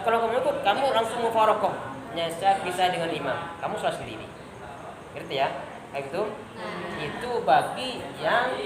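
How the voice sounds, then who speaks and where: A woman teaching a religious lesson at a boarding school, explaining by demonstration and often quizzing her students. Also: medium pitch. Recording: crowd noise behind the voice.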